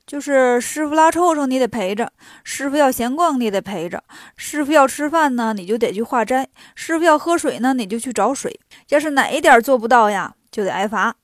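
A woman doing a brisk, teasing monkey king. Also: sits high, lively intonation, no room sound, studio quality. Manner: brisk, teasing, quick-witted. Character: clever mischievous male monkey king.

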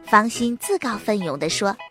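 A woman narrating a children's storybook in an expressive, storytelling way. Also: medium pitch, moderate pace, faint music behind.

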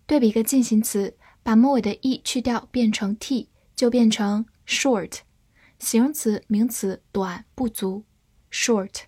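Woman teacher, first language Chinese, steady unhurried delivery, spells each word and reads examples slowly. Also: on the high side, slightly rough, no echo. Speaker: English vocabulary teacher. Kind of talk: slow, deliberate vocabulary lesson.

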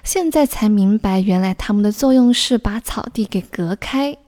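A woman's voice: medium pitch, moderate pace, dark tone. A young woman teaching English vocabulary, patiently explaining and spelling out words letter by letter.

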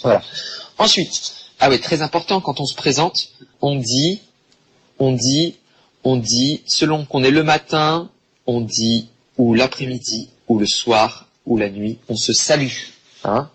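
Patient, emphatic French teacher. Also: male voice, mid-range voice, fairly bright tone, slightly rough. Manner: patient, repetitive, slow and emphatic. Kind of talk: online French lesson for Chinese speakers.

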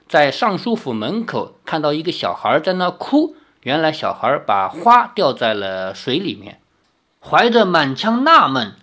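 Woman, novel read aloud, casual asides, low voice, animated. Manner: adds casual explanatory comments. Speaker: reader.

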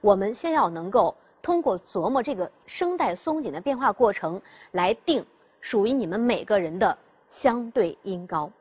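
A woman with a medium-pitched, lively voice, a little mellow and slightly rough, speaks at a moderate pace. She teaches pronunciation classroom-style, explaining step by step, asking the class rhetorical questions, and voicing the sounds herself to demonstrate.

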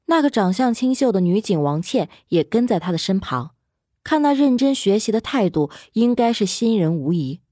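A woman narrates a serialized novel as an audiobook, telling the story expressively. Her voice sits in the mid range, her pace is moderate, and the studio-quality recording has no room sound.

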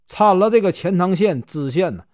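A man's voice: sits high, animated, normal speed, darkish tone, dry recording, clean studio sound. A man with a Northeastern Mandarin accent narrating a folk tale in a folksy way, stretching filler syllables. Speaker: storyteller. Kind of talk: storytelling narration.

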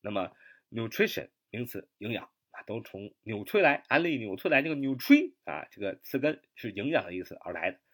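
Brief: young male English teacher, lively pitch, spells words out letter by letter. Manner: explains patiently, spells words letter by letter, repeats terms; drawls English words slowly, fills pauses with "啊". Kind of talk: spoken vocabulary lesson.

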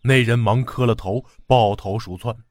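A man narrating a classic tale for children in a gentle, expressive way. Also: mid-range voice, moderate pace, dry recording. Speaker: storyteller.

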